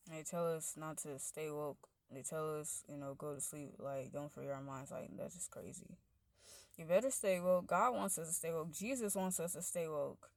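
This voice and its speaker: In a dry recording, a woman with a low voice meanders through an offhand monologue. Nearly every phrase gets a "like" or "you know," and both her pitch and volume wander.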